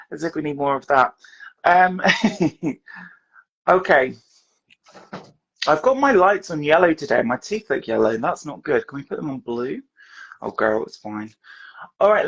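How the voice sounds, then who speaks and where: A woman from the UK hosting a casual live stream from her dressing room, chatty and laughing while sorting out tech, with a hoarse voice. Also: low-pitched, muffled recording. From United Kingdom. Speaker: podcast host.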